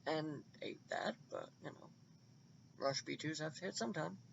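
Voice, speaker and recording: A man giving casual, excitable and rambling commentary on a computer game fight, on a dull lo-fi recording with faint hiss. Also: a little high, moderate pace, creaky. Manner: excitable and rambling, with many restarts.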